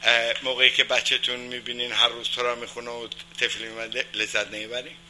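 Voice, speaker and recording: A man's voice: medium pitch, little pitch movement, background noise. A man teaching a religious class, putting questions to his listeners and answering them emphatically.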